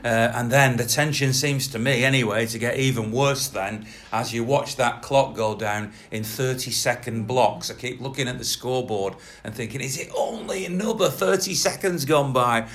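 Man, mid-pitched, casual rambling football podcast host. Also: steady tone, normal speed, few pauses, a bit bright.

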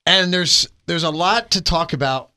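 A man's voice: on the high side, normal speed, sharp tone, clean tone, no room sound. A man hosting a sports radio show from a studio, joking and teasing his co-hosts with frequent laughs. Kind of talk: casual sports radio banter. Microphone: studio microphone.

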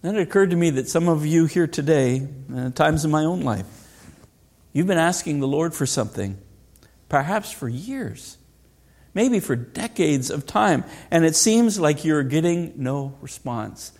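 A man's voice: a little high, animated, measured pace, a little mellow. A middle-aged man preaching a sermon as pastor, earnest and asking rhetorical questions.

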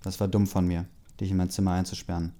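A man's voice: deep voice, level tone, quick pace, dark tone, close to an everyday voice. A man reading the lines of a pushy young male werewolf who pleads earnestly for another chance. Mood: pleading.

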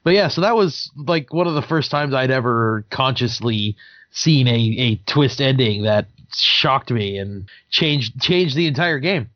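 A man in his thirties, a podcast co-host and game master, chats casually in an animated way and slips into character voices. His voice sits at a medium pitch with a measured pace. The recording is dry, dull and lo-fi, with no room sound.

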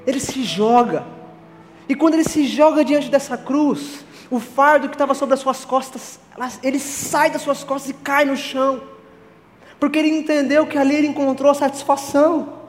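High-voiced earnest male preacher. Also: a little hiss or hum. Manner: earnest, emphatic storytelling. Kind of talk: sermon. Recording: long reverb, faint music.

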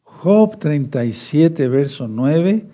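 A man's mellow, rather high voice is animated as he teaches a Bible study sermon, drawing out his words. Addressing his beloved brothers, he repeats the key points, spells out words and asks them to write notes.

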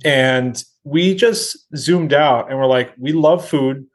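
A man in his thirties, a restaurant co-founder, telling his founding story in a relaxed way. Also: mid-range voice, slow. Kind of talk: interview guest.

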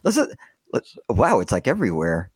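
A man's voice: fairly low pitch, wildly swooping pitch, normal speed, darkish tone, husky, no echo, studio quality. A man co-hosting a casual podcast, tossing in wry jokes. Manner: joking, wry asides. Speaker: podcast co-host.

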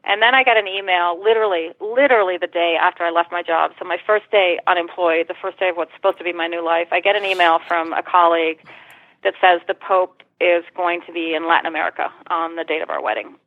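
A woman's voice: on the low side, steady tone, fast talker, no room sound. A woman guest telling a personal story in conversation, retelling it vividly and swearing freely. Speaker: interview guest. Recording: tinny phone-line sound.

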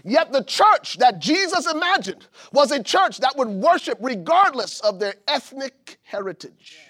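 A pastor from Liberia preaching a sermon, building to shouted emphasis. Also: male voice, very high-pitched, big pitch swings, measured pace, breathy edge. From Liberia, West Africa.

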